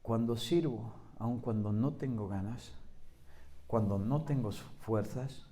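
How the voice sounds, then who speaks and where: A man, preaching a sermon as pastor, swinging from loud emphatic lines to soft low asides. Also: slow pace.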